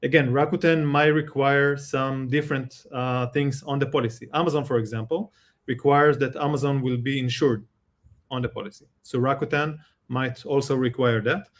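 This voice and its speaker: A man with an Israeli accent, a guest expert in a live Q&A, explains things calmly using examples, pausing to rephrase along the way. His voice is medium in pitch.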